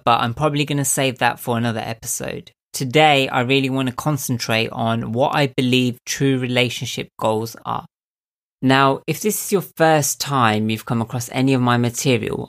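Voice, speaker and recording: Nasal, slightly squeaky man musing aloud. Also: moderate pace. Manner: calm, thoughtful, addresses listener directly. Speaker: podcast host. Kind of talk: reflective self-help monologue.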